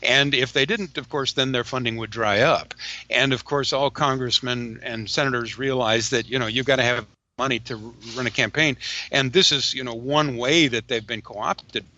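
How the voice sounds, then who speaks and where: A man from the United States calling in as a guest, his audio glitching and breaking up, talking haltingly and often restarting his phrases. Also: mid-range voice, fairly even intonation, pushed and bright. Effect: glitchy phone line that keeps breaking up. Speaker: guest caller. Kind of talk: call-in interview. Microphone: phone line. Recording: dull lo-fi call audio.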